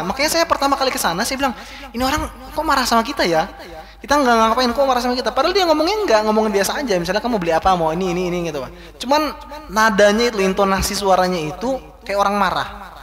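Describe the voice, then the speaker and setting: A man, a religious teacher, telling chatty, animated anecdotes in a casual talk, with frequent fillers. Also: sits high. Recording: roomy hall reverb.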